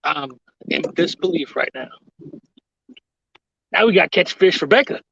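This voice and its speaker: An older man hosting a casual fishing livestream from the river, relaxed and quick to laugh. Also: on the high side, creaky, slightly rough, dry recording. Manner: laid-back, laughs often. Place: outdoors by a river, on a boat. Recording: muffled lo-fi stream audio.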